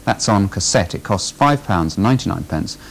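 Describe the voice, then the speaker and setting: A man in his thirties hosting a breakfast TV studio chat, brisk and jokey as he steers the segment. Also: deep voice, expressive, vocal fry. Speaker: breakfast TV presenter. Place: TV studio kitchen set. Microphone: radio lapel microphone. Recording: faint hum, 1980s broadcast tape.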